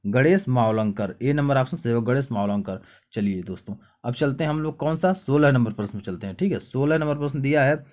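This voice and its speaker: A man's voice: mid-range voice, a little mellow, lo-fi sound. A young man going through exam questions one by one, reading each out and then repeating the answer back as a question to the viewer. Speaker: exam tutor. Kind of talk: quick exam answer walkthrough.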